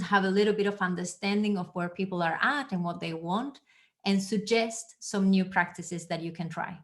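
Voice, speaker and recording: Woman on a video call, trainer vibe, chatty, playful little asides. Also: mid-range voice. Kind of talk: casual explanation on a group call.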